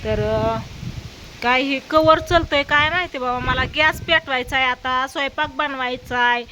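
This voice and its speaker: A woman's voice: high voice, unhurried, bright, forceful tone, rough recording. A woman chatting casually in a home vlog outdoors, coaxing her pets in a sing-song voice. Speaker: vlogger. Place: outdoors at a house doorway, windy and rainy. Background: faint wind and rain.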